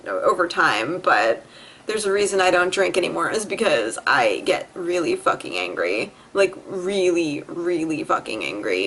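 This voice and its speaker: A woman's voice: on the low side, fairly bright tone, slight background noise. A young woman from New Jersey talking to her camera at home in a rambling, profane vlog, laughing often and acting out her own quotes. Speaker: vlogger. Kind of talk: rambling personal vlog monologue. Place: indoors at home. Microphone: camera facing the speaker.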